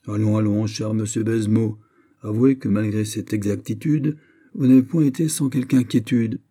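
A calm, cunning bishop, voiced by a male narrator questions his host in a measured, insistent tone. The voice is low, dark and husky. This is a classic novel read aloud. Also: close to an everyday voice. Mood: probing. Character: calm, shrewd male bishop, smoothly probing.

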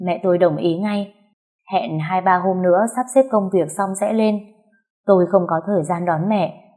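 A woman narrating a first-person family story in a calm, heartfelt way. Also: lowish voice.

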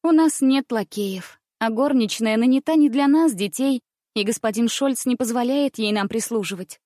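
A woman voicing an honest, gentle young circus girl who speaks earnestly and simply. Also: fairly high pitch, moderate pace, dry recording, clean studio sound, lightly acted.

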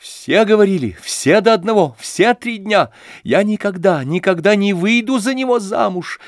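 A man's voice: high voice, animated, moderate pace, no echo, pitched above the performer's own voice. A man voicing a proud young woman, indignant and close to hysteria, with passionate outbursts. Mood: hysterical.

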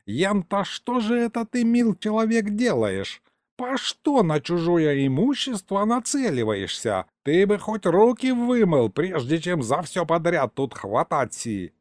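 A man voicing a grumpy, boastful old grandfather who tells stories in a drawn-out, sing-song folksy way. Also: sits high, sing-song, darkish tone, dry recording, voice pushed up. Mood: indignant. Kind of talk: audiobook character voice.

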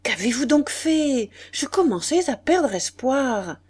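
A woman's voice: high voice, sing-song, takes it slowly, darkish tone, husky, pitched above the performer's own voice, full character voice. A woman reading an earnest young man. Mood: impatient. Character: anxious young man, impatient then affectionate.

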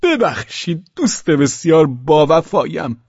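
A man's voice: very animated, slightly rough, no room sound, lo-fi sound, exaggerated voice. A man voicing a drunk, fawning, frightened middle-aged man who whines and pleads. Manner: shrill, whining, pleading.

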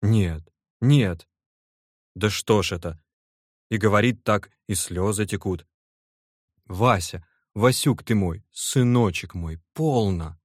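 A man voicing an excitable, effusive young male clerk in an audiobook, exclaiming emotionally. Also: on the low side, slow, long pauses, no echo, studio quality. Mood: excited.

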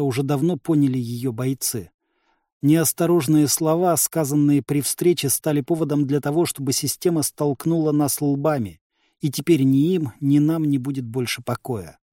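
A man reading a first-person fantasy audiobook in a lively storytelling manner. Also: fairly high pitch, dry recording, clean studio sound. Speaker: audiobook reader.

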